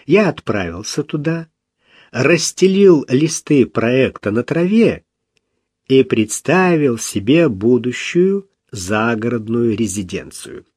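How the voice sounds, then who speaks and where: A man reading a first-person story aloud in a measured, expressive way. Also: medium pitch, breathy edge, no room sound, studio quality. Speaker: audiobook narrator.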